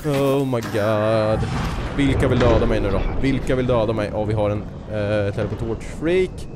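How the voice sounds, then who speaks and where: A man's voice: on the low side, very noisy. A man hosting a let's play, full of jumpy nervous exclamations, joking and muttering to himself and talking back at the game's creatures. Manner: excitable and jumpy, sudden nervous outbursts and exclamations; talks to the game creatures, jokes and mutters to himself. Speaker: gaming video host.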